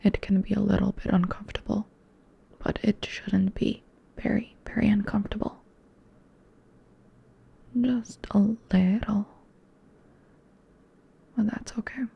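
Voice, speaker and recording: Woman playing a whispering gentle doctor. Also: medium pitch, fairly even intonation, unhurried, pauses often, highs cut off, heavily acted. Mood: soothing. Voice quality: breathy. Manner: soft unvoiced whisper. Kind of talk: ASMR roleplay.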